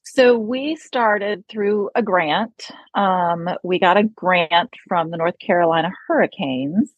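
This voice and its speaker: A woman's voice: fairly low pitch, takes it slowly, breathy edge, no echo, lo-fi sound. A woman with an upstate New York accent, a speech therapist chatting as a guest in an interview, laughing often and using many fillers. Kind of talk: conversational interview.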